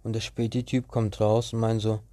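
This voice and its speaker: A man's voice: lowish voice, level tone, moderate pace, dark tone, dry recording. A young man telling a story to his viewers in a casual, rambling way, full of slang and restarts.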